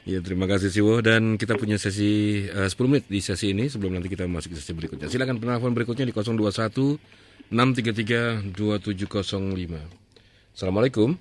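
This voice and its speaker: Male call-in host, very low voice, quick delivery, polite and businesslike. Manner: brisk, polite, rephrases callers' questions. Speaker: radio show host. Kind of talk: call-in radio hosting.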